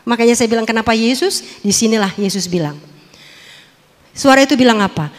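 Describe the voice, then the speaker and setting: A woman, giving a lively, animated church testimony and speaking straight to the congregation. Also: on the high side, a little fast, big-room sound. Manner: lively, animated storytelling, addressing the audience directly.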